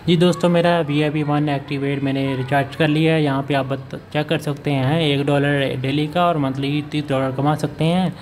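Guy w walking thru an app on his phone, kinda high voice, flat delivery, faint hiss. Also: normal speed, few pauses. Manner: explains step by step, many fillers and self-corrections. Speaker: channel host. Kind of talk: screen-recorded app walkthrough. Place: voice-over over phone screen recording.

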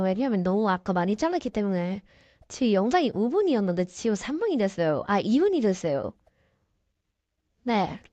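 A woman with a sore throat from a cold, speaking through a voice changer in halting, flustered, casual game commentary. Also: a little high, no echo. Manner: halting, easily flustered, apologetic. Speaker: gaming YouTuber. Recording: dull, lo-fi, dry sound.

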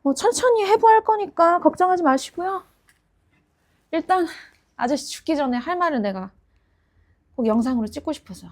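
A woman's voice: sits high, animated, fairly quick, long pauses, darkish tone. An actress playing a playful, unhinged female psychopath in a dramatic monologue, mock-polite and giggly as she menaces and taunts her captive. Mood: sinister cheer. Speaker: actor performing a monologue.

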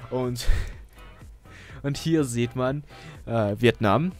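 A man's voice: medium pitch, drawn-out words. A young man rambling through casual screen-share commentary, hesitant, with frequent restarts and laughs at his own jokes. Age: young adult. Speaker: YouTuber. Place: small bedroom at a desk. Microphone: headset. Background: faint background music.

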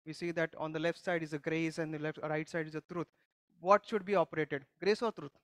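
A man with a high voice preaches a conversational church sermon. He often stops to put questions to the congregation and restarts his sentences as he goes. His voice sounds dry and close. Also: steady tone, fairly quick, a bit bright, dry recording. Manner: teaching with frequent questions to the congregation and many restarts. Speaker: pastor. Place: church service.

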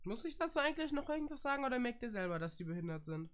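A man's voice: very high voice, big pitch swings, rapid-fire, a bit bright, a little hiss or hum. A man hosting a gaming video with casual commentary.

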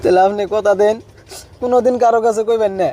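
A man's voice: sits high, steady tone, fast, dark tone, lightly acted. An actor playing a young husband beaten daily by his wife, sobbing and pleading in a whiny way in a comedy skit.

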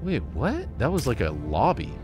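A man's voice: medium pitch, wildly swooping pitch, normal speed. A man leading a squad in casual, slangy, sometimes profane gameplay chat. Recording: loud game music and gunfire behind.

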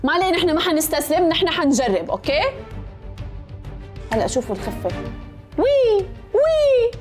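A young woman rattles through her let's-play at high speed, her voice sitting very high and swinging wildly. She is dramatic, yelping and muttering oaths as she plays. Game music plays clearly behind her. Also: sing-song, quick pace. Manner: dramatic, shrieks and mutters oaths while playing. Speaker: gaming YouTuber. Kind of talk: excitable let's-play commentary.

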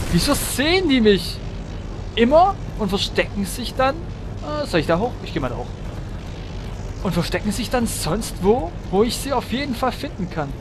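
A man's voice: sits high, background noise. A man giving chatty commentary while playing a shooter game, humming and chanting while he shoots and exclaiming often. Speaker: let's player. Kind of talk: gameplay commentary.

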